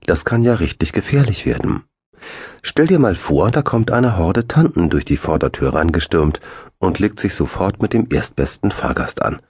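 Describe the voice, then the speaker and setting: A man's voice: low-pitched, animated, moderate pace, a little mellow, husky, no echo, heavily acted. A man voicing a strict, know-it-all ten-year-old boy in a storybook reading, lecturing his little brother in a fussy way.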